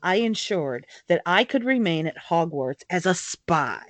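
A woman reading aloud as a cold, smooth male dark wizard, speaking in a measured, disdainful way. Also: on the low side, animated, dry recording.

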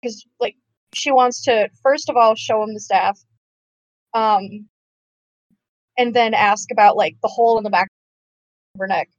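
A woman's voice: medium pitch, a little slow, long pauses, no echo. A woman playing in an online tabletop game, talking hesitantly with many restarts and fillers over a voice-chat line that breaks up. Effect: muffled voice-chat line that breaks up. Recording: dull lo-fi online call audio.

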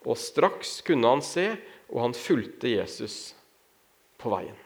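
Pastor guy preaching, middle pitch, tells little stories and goes up high when he does the shouting bits. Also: sing-song, creaky. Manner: storytelling, raises pitch when acting out shouts. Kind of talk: sermon.

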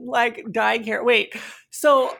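A man hosting a casual chat who is animated and laughs a lot. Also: extremely high pitch, takes it slowly, vocal fry. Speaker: podcast host.

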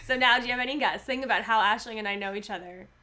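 A woman's voice: a little high, racing, bright, forceful tone, faint music behind. A woman co-hosting a casual chat, laughing often and reading out limericks. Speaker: podcast co-host.

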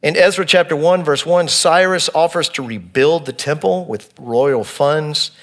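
A man's voice: a little high, a little slow, a bit bright. A man preaching a sermon in church, counting off his points and reading scripture with emphasis. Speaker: pastor.

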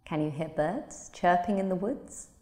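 A woman guiding a relaxation visualization in a slow, soothing, soft-spoken manner. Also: lowish voice. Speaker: meditation guide. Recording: roomy with long reverb.

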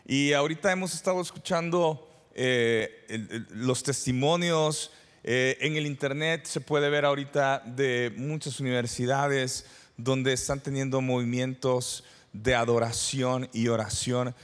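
Conversational pastor preaching in a reverberant hall. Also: male voice, fairly high pitch. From El Salvador. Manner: conversational preaching with rhetorical questions and repetitions. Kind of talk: sermon. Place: church sanctuary.

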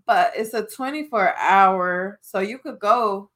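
Een vrouw die als co-host van een podcast ontspannen en met straattaal praat, vaak lachend. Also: female voice, mid-range voice, slow, a bit bright. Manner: laid-back, slangy, laughs often. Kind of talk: casual chat.

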